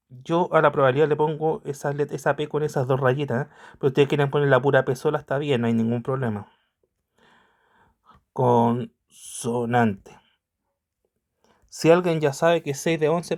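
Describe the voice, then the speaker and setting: A man's voice: mid-range voice, a little mellow. Guy walking students through a math lesson, patient, always checking they follow. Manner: patient, checks in constantly with tag questions. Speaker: math teacher.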